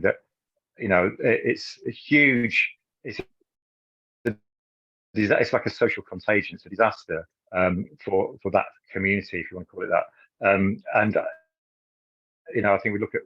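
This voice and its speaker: A man in the audience making a long, halting point full of fillers and restarts. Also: on the low side, a bit bright, slightly rough, no echo, lo-fi sound. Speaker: audience member. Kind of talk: casual spoken question.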